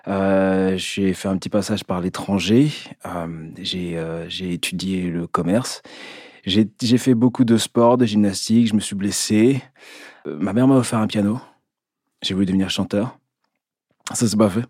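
A man, an actor interviewed as a guest, recounting his path in a reflective way, pausing often to find his words. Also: sits low, fairly even intonation, a little mellow, slightly rough, dry recording, clean studio sound. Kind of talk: personal storytelling in an interview.

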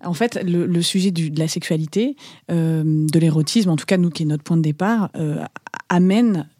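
Playful woman host with a mellow voice. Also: fairly low pitch, normal speed, dry recording, studio quality. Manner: playful, teasing, easygoing. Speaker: podcast host. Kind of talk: casual conversational interview.

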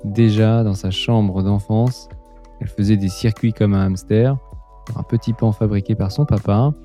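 Dark deep voiced guy hosting a podcast, kinda hesitant, some music behind. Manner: hesitant, many fillers and restarts when asking. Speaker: podcast host. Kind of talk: scripted intro then casual interview.

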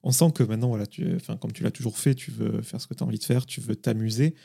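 A man interviewing a guest, asking questions in a relaxed, informal way. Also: on the low side, fast, creaky, breathy edge. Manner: relaxed, informal, hesitant fillers.

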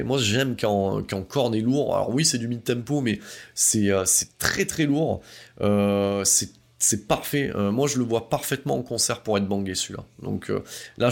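A man's voice: on the low side, vocal fry. A man giving a casual spoken album review, hesitant with lots of fillers and restarts, but enthusiastic and informal. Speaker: music reviewer.

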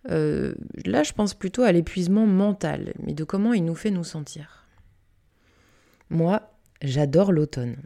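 A woman's voice: fairly low pitch, animated, unhurried, creaky, warm tone. A woman from Canada hosting her own reflective podcast, talking candidly and casually with fillers and the odd swear. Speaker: podcast host. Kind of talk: unedited reflective podcast monologue.

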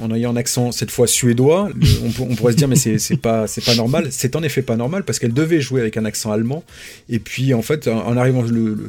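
A man's voice: medium pitch, mellow, breathy edge. A man co-hosting a film podcast who eagerly tells behind-the-scenes anecdotes. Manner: enthusiastic anecdote-telling. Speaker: podcast co-host. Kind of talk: film discussion.

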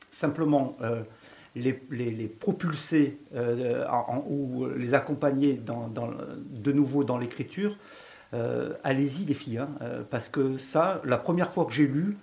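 A man's voice: mid-range voice, a little mellow. Hesitant man as radio guest. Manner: hesitant, repeats words. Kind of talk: radio interview.

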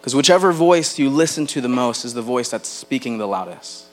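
A man preaching a sermon as pastor, earnest, slowing down to stress key words and putting questions straight to the congregation. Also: medium pitch, animated, slight background noise. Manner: addresses the congregation directly with questions.

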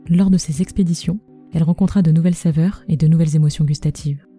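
Woman, podcast storyteller, scripted narration, very warm dark timbre, lowish pitch, intimate close-to-the-ear delivery, light music underneath. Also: steady tone, fast talker, husky. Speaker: culinary storyteller and podcast host.

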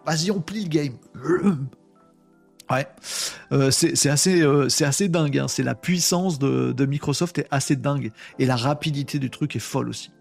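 A man's voice: mid-range voice, moderate pace, vocal fry, faint music behind. A man hosting a live webinar, talking casually and with energy, using slang and addressing his chat viewers directly. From France. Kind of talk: casual live-stream talk.

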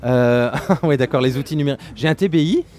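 A man's voice: medium pitch, fairly quick, a little mellow. Easygoing male schoolteacher in podcast chat. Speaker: primary school teacher, podcast co-host. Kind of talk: casual conversation.

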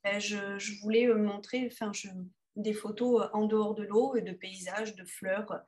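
A woman, an underwater photographer being interviewed, talking casually with many pauses and restarts. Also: mid-range voice, level tone, a little mellow. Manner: hesitant, many fillers and restarts.

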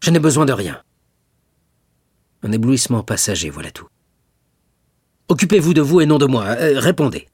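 A man voicing an anxious, scheming male magistrate in an audiobook, hushed and then sharp. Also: mid-range voice, sing-song, slow, dry recording, clean studio sound. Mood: curt, commanding.

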